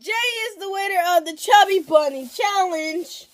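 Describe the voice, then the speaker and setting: A woman's voice: very high voice, normal speed, slight background noise. A woman hosting a challenge video with casual, playful chat to the camera.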